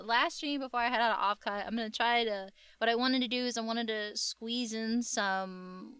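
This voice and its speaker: Bright-voiced cute anime streamer woman. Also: fairly high pitch, smooth, no echo. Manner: expressive, slangy exclamations. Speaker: VTuber artist and livestreamer. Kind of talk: casual livestream chat.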